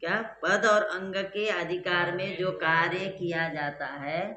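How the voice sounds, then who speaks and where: Bright-voiced teacher in an echoey classroom. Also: mid-range voice, fairly even intonation, measured pace, slight background noise. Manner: explains step by step, quizzes the students. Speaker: Sanskrit grammar teacher. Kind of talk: classroom lecture. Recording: echoey room.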